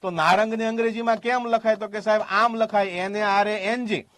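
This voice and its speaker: A man's voice: high-pitched, fairly even intonation, a little fast, fairly bright tone, dry recording. Man, Gujarati accent, native Gujarati speaker, English teacher, step-by-step classroom lesson, dry close sound. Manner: explains step by step with questions and repeated examples.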